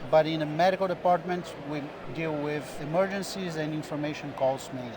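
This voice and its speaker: A middle-aged Brazilian physician specializing in diving medicine answers interview questions at a busy expo booth, with a noisy trade floor behind him. A native Portuguese speaker with a Brazilian Portuguese accent, he explains things in a measured way with small restarts, his pitch slightly raised and his intonation fairly even.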